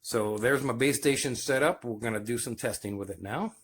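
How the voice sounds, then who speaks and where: At home beside a radio base station, a man hosts a home video with a casual, hands-on demonstration of CB radio gear. His mid-range voice is fairly bright and a little fast. Background noise and clicks are clearly audible.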